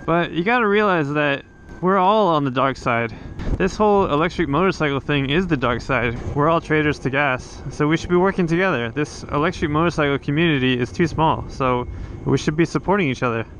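A fairly high-pitched male motovlogger talks a little fast with few pauses, his tone a bit bright. He rambles casually while riding along a coastal road, restarting and filling constantly, recorded on a helmet camera. The audio is poor, with a little hiss or hum.

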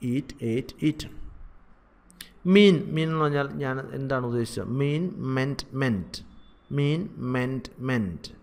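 A man with a Malayali accent teaching English verb forms in a lesson, repeating each one slowly in drills. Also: mid-range voice, lively intonation, a little mellow.

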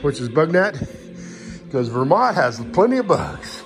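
A hiker gives a casual, unscripted walkthrough of his gear in a home living room, speaking in a folksy, matter-of-fact way from behind a handheld phone camera. His voice is on the high side and very animated but a little slow, heard over music.

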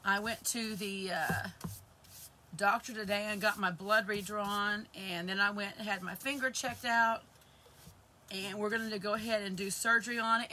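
In her craft room with shelves, a woman in her fifties with a hoarse, mid-range voice and a sharp tone chats to viewers of her live crafting stream. As a craft channel host, she greets them while working with her hands. A camera faces her across the table, and there's slight background noise.

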